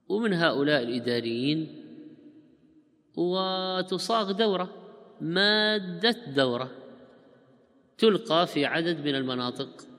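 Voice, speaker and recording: A man giving a religious question-and-answer lecture, who reads out listeners' questions quickly and then explains them at length. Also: medium pitch, a bit bright, big-room sound.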